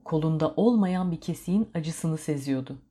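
A woman narrating a story in a steady, measured reading voice. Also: deep voice.

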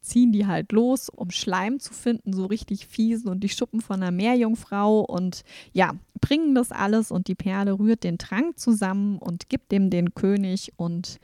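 A woman in casual chat, retelling a rhymed children's book with lively, animated storytelling. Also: medium pitch, moderate pace, dry recording, studio quality. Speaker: book reviewer.

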